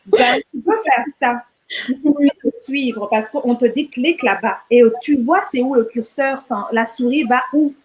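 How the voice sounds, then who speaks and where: A guest entrepreneur from Rwanda, middle-aged, talks in a casual interview with a high, animated voice at a slightly slow pace. She often repeats words while restarting sentences, captured on a rough recording.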